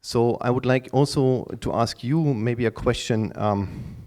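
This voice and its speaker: Halting middle-aged man pitching at a conference. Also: a little mellow. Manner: halting, repeats and restarts words often. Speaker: startup pitch speaker. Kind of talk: live conference pitch to an audience.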